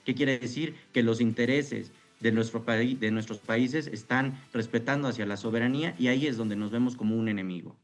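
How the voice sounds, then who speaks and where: Halting male commentator. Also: medium pitch. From Mexico. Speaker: interviewed political commentator. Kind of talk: live political analysis.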